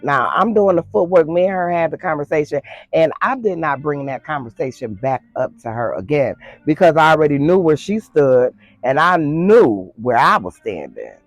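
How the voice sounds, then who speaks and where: A woman's voice: low-pitched, expressive, normal speed, few pauses, no echo, faint music behind. A woman telling a personal story to her viewers in a casual, chatty way, calling them girl and y'all. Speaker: storytime vlogger.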